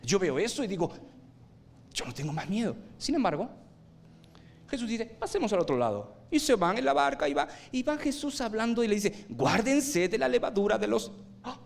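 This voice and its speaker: A man preaching a sermon, swinging from loud emphatic bursts to low quiet lines and asking his listeners rhetorical questions. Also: sing-song, moderate pace, creaky.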